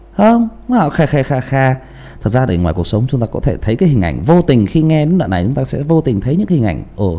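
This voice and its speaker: A male audiobook narrator chatting casually about character voices, often restarting phrases and asking the listener questions. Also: mid-range voice. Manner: animated, repeats and restarts, asks listeners rhetorical questions.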